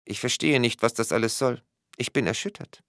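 A man's voice: medium pitch, fairly quick, fairly bright tone, no room sound, clean studio sound, pitched above the performer's own voice, close to an everyday voice. A man voicing a stunned, self-pitying male tax official speaking in a plaintive tone, in a read-aloud crime story. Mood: dismayed.

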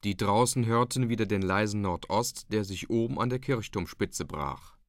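A man reading a story aloud in a scripted narration style, lively and voicing the characters' quoted lines. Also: lowish voice, moderate pace, dry recording, studio quality. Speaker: audiobook reader.

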